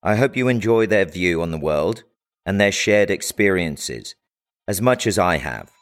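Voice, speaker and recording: A podcast host with a low-pitched voice. He is a man who reads his opening in a plain, measured way and then moves into relaxed interview questions. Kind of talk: scripted intro then casual interview.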